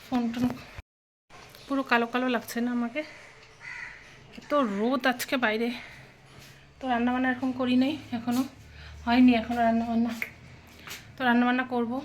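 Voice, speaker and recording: A young woman chatting casually in a home vlog, sometimes speaking softly. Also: on the high side, little pitch movement, brisk, long pauses, a little hiss or hum. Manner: chatty, talks softly at times. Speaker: vlogger.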